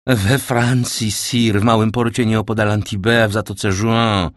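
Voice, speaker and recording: A man's voice: fairly low pitch, level tone, unhurried, no room sound, clean studio sound, voice pushed up, lightly acted. A man voicing a despairing male minister of police who pleads and stammers before his king. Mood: pleading.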